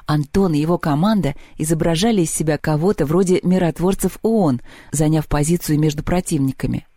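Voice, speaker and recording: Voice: medium pitch, dry recording, clean studio sound. Чтец аудиокниги, мягкий тёплый тембр, размеренно и выразительно. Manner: measured, expressive reading. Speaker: narrator. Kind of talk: audiobook narration.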